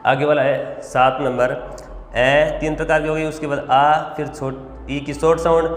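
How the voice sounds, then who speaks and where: A man's voice: on the high side, level tone, a little slow, slight background noise. A male teacher giving a lesson, explaining step by step and answering his own questions. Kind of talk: classroom lesson. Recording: echoey room with long reverb.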